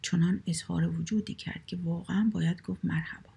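A woman's voice: lowish voice, fairly even intonation, vocal fry, warm tone, husky. A woman reading a comic short story aloud as narrator, in a wry, conversational manner.

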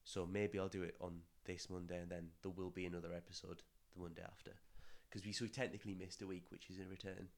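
A young man hosts a casual podcast, rambling and doubling back on his own words, with offhand swearing. His voice sits on the lower side. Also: little pitch movement, fast, gravelly, hardly any pauses. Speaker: podcast host.

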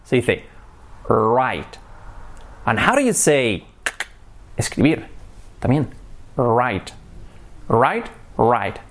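A man with a Spain Spanish accent teaching English in a bilingual lesson, repeating words slowly and switching between English and Spanish. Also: mid-range voice, sing-song.

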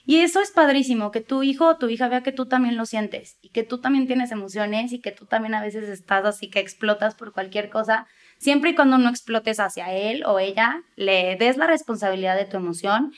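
A woman's voice: medium pitch, moderate pace. A woman, a child therapist explaining parenting in an interview, often acting out what parents and children say. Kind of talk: advice interview.

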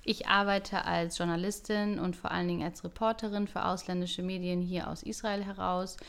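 A woman in her thirties from Germany, co-hosting a casual podcast chat in a lively, earnest way. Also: on the low side, moderate pace, creaky, smooth. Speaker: podcast co-host.

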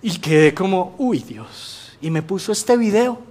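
A man's voice: high voice, moderate pace, darkish tone. A man giving a church testimony, telling a story with humor and preaching to the congregation. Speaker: guest speaker giving a testimony.

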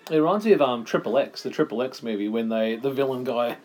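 A man's voice: medium pitch, fast talker, darkish tone, faint music behind. A man co-hosting a podcast, teasing his co-host in casual chat during a film. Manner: teasing, laughs along. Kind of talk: casual watch-along chat.

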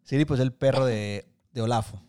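A man with a Colombian Paisa accent co-hosts a casual podcast. He tells stories in an animated, loose way, full of street slang and easy swearing. His voice sits at an ordinary pitch for a man. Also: a little fast, clean tone. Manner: animated, slangy storyteller who swears freely. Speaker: podcast co-host. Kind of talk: casual chat.

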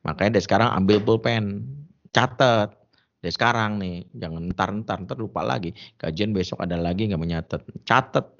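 A man's voice: fairly low pitch, moderate pace, fairly bright tone. A man preaching a humorous sermon, emphatic and joking as he tells stories and gives advice, on a dull lo-fi recording.

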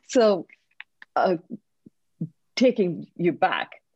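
A woman from Sri Lanka, a guest on a podcast, telling her story in a soft-spoken, reflective, measured way. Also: on the low side, huge pitch swings, slightly rough, no echo, highs cut off. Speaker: guest, leadership coach. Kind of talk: interview answers, personal story.

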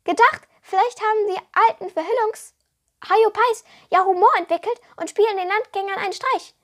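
A woman's voice: extremely high pitch, normal speed, fairly bright tone, voice pushed up. Woman doing a small grumpy goblin man. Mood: boastful. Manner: indignant, cursing, bragging. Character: small grumpy boastful male water goblin.

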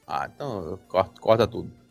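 A man co-hosting a gaming show, chiming in with short, relaxed remarks. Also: deep voice, normal speed, gravelly, faint music behind. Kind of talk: casual chat.

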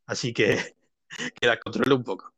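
A man's voice: medium pitch, fairly even intonation, normal speed, a bit bright, breathy edge, no echo. A man chatting casually as co-host of a show. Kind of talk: casual chat.

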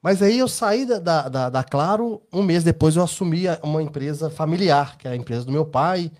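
Brazilian male co-host, mellow warm tone, casual rambling storyteller, Brazilian accent. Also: a little high, lively intonation, fairly quick. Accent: Brazilian Portuguese. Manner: anecdotal, rambling, tag questions. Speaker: podcast co-host. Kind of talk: casual podcast chat.

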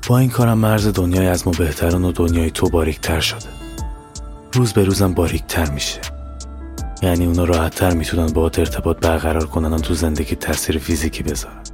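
A man's voice: low voice, steady tone, darkish tone, soft background music, natural voice. A man voicing an ominous old woman who keeps cats and gives warnings in a spooky audio story.

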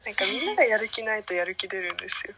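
A woman in her late teens chatting casually and politely, often with soft laughter. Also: medium pitch, lively intonation, very fast, poor audio. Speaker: guest looking back on high school. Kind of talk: casual chat, polite to an elder.

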